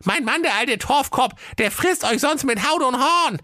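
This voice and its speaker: A man voicing a kindly, cunning ogre wife who speaks in a soothing but brisk falsetto. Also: expressive, bright, forceful tone, no room sound, clean studio sound, heavily acted. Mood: urgent, kind.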